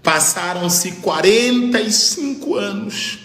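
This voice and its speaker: A man preaching a fervent Pentecostal sermon as pastor, rising to shouts and breaking into tongues. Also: sits high, lively intonation, slow, roomy sound, long reverb tail.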